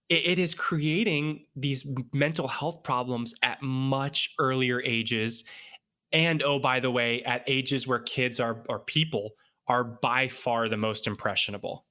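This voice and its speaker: A man in his thirties with a bright, forceful voice at a middle pitch. He talks as a podcast guest, explaining his points with confidence and emphasis in a relaxed conversational tone. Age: 30s. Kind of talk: casual conversation.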